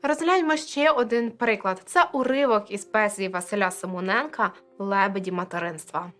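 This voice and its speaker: A woman's voice: medium pitch, moderate pace, a bit bright, soft background music. A woman teacher explaining poetic meter in a video lesson, addressing viewers directly and counting syllables aloud.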